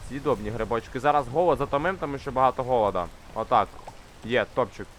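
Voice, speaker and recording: A young man commenting casually on a climbing game he plays, swearing often and shouting when things go wrong. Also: mid-range voice, quick pace, slight background noise. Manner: swears constantly, shouts in frustration while climbing. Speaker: gamer. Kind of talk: casual let's-play commentary. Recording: faint game music behind.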